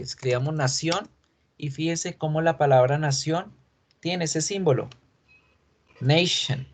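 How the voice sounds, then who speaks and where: Male teacher, slightly high voice, slow drilling delivery, patient pronunciation lesson. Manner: patient, repeats each word several times as a drill. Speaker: English teacher.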